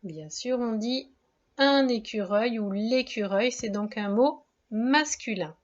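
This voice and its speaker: Slow, careful woman teaching spelling. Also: a little high, animated. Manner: encouraging. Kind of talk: spelling dictation lesson for young children. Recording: dull lo-fi sound.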